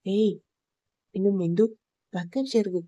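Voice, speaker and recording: A woman's voice: medium pitch, steady tone, normal speed, mellow, no echo, highs cut off, natural voice. A woman voicing an irritable, short-tempered young man who snaps impatiently. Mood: irritated. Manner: snappish, impatient.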